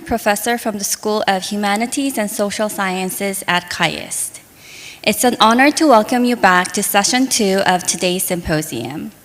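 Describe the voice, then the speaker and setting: A woman professor moderating a symposium session, introducing the speakers and reading names and titles carefully. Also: medium pitch. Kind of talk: formal event introduction. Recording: long reverb of a hall.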